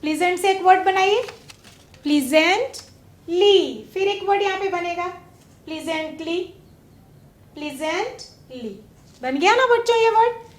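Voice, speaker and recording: High-voiced woman teaching a class. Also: roomy sound. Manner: slow, drawn-out stress on example words; asks pupils questions and waits. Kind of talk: classroom lesson. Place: studio classroom.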